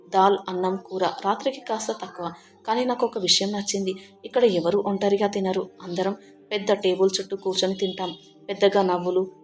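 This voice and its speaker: A woman narrating a first-person audio story in the tender, grieving voice of a mother. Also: medium pitch.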